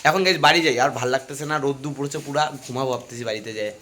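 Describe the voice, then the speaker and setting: A young man chatting to viewers while filming a casual phone vlog at home and on local roads, slightly hoarse. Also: mid-range voice, racing, fairly bright tone, slight background noise. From India. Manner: chatty, addresses viewers as "guys". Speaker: vlogger.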